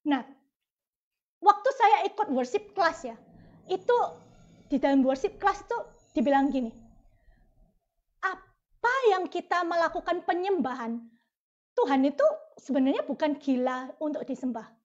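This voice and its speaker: A woman's voice: sits high, lively intonation, measured pace, pauses often, dull audio. A woman preaching a testimony sermon to a women's fellowship, telling stories with acted inner voices.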